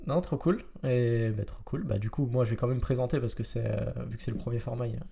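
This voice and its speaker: Young host in his twenties with a Marseille accent, chatty and halting, plenty of fillers and restarts. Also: mid-range voice, gravelly, dark tone, slightly rough. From France. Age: 20s. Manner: halting, many fillers and restarts, laughs easily. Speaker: podcast host. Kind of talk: casual podcast chat. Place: room in Marseille.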